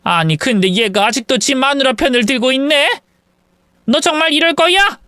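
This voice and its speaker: A bitter older mother-in-law, as a man puts her on, hurling accusations in a high, piercing tone. Her voice is smooth and crisp, set close and dry with no room sound. She rants on without letting up. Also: animated, moderate pace, sharp tone, no echo, full character voice. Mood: furious. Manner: shrill, accusing tirade.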